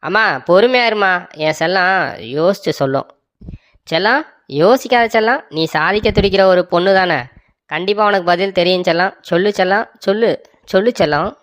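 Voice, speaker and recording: A woman voicing a soft-hearted young husband who sweet-talks his wife in a cartoon comedy. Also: mid-range voice, brisk, natural voice. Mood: doting. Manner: sweet-talking, pleading, calls his wife "darling".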